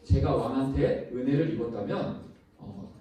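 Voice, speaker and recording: A man's voice: mid-range voice, moderate pace, warm tone, lightly acted. A man voicing a brave young queen who earnestly pleads for her people. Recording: echoey hall from far off.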